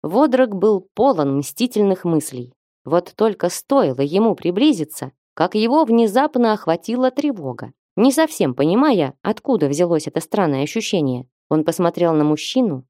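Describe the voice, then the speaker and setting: A woman narrating an audiobook in a steady storytelling manner, recorded close to the mic. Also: on the low side, normal speed, no room sound. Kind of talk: scripted narration.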